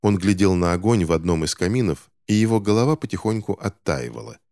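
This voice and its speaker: A man reading a novel aloud in measured scripted narration. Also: sits low, expressive, a little mellow, dry recording, clean studio sound. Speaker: audiobook narrator.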